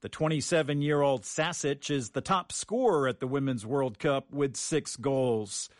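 A man reading scripted radio news as the host, in a news reader's measured, formal delivery. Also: mid-range voice, no room sound, clean studio sound.

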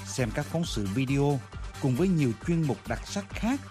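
Formal radio announcer guy, station promo, clear music playing behind him. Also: fairly high pitch, expressive, moderate pace.

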